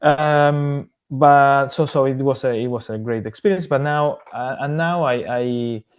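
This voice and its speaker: A man from Argentina, a podcast guest, answering interview questions in a halting way with many repeated words and restarts. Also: medium pitch, clear, resonant tone. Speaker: podcast guest, AI governance consultant.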